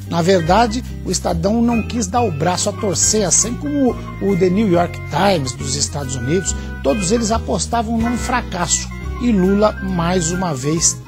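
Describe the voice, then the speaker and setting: A man giving wry, ironic political commentary on TV. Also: high-pitched. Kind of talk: TV opinion commentary. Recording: music bed under studio voice.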